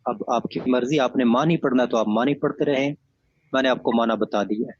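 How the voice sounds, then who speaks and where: A man's voice: mid-range voice, slight background noise. A man teaching an online class, firm and methodical, explaining by repeating examples over dull lo-fi audio.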